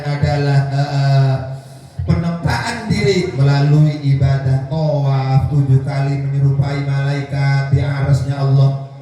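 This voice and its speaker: A man gives a lively sermon and keeps asking his listeners to answer him. His voice is mellow and sits a little high, and it is heard from a distance in a very echoey hall with faint music behind him. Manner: jokes and asks the audience to answer back. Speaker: Islamic preacher. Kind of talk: lively sermon at a pilgrimage send-off. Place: echoey hall at a home gathering.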